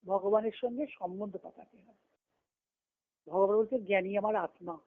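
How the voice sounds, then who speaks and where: A mid-range female voice moves at a moderate pace, with no room sound, as she offers a devotional scripture discourse in the role of spiritual teacher. The conference call line renders her muffled and lo-fi while she explains phrase by phrase with repetition.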